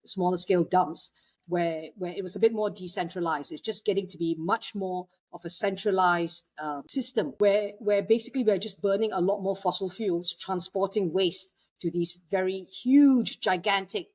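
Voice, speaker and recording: Speaking as an interview guest, a waste technology entrepreneur from Malaysia talks with frequent fillers and false starts. Her medium-pitched voice is a little mellow and slightly rough, at an ordinary pace, in a conversational exchange.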